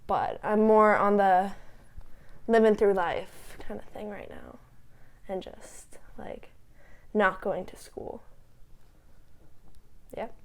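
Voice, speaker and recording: A woman's voice: mid-range voice, steady tone, slow pace, pauses often. A young woman speaking casually in a documentary interview, rambling with frequent fillers. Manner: rambling, heavy use of "like".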